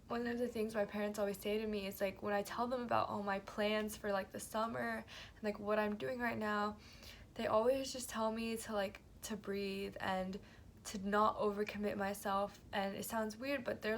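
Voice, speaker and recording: Young adult woman, student vlogger, hesitant and soft, gravelly vocal fry. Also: mid-range voice, flat delivery, moderate pace, a little hiss or hum. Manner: hesitant and soft-spoken, with frequent fillers. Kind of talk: reflective casual vlog.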